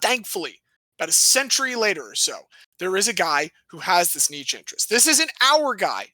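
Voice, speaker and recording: Playful bright-voiced male podcast host. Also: high-pitched, normal speed, no echo, rough recording. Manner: playful, animated storyteller with jokey asides. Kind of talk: casual sports history storytelling.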